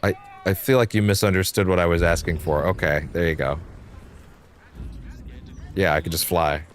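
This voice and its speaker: A man's voice: deep voice, steady tone, normal speed, slight background noise. A man giving casual, sweary live gameplay commentary, thinking aloud as he plays. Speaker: game streamer. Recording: game music behind voice. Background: game music.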